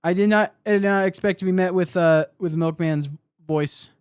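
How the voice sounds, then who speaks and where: A man's voice: high voice, normal speed, clear, resonant tone, no echo, studio quality, faint music behind. A man telling lore as a streamer, with casual asides and a hesitant, self-correcting delivery. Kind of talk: live storytelling with casual asides.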